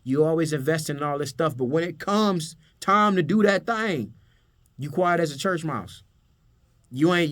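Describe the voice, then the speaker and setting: Brief: male business coach, a bit high-pitched, street slang, repeats himself, hypes the viewer. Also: a bit bright. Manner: casual slangy, emphatic, repeats words, addresses viewer as bro. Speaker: photo booth business owner and coach. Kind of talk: motivational business talk.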